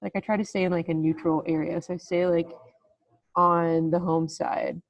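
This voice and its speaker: Low gravelly woman, chatty athletic trainer, laughs a lot, dry lo-fi mic. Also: little pitch movement, normal speed, no echo. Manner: chatty, laughs while telling stories. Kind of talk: casual podcast chat.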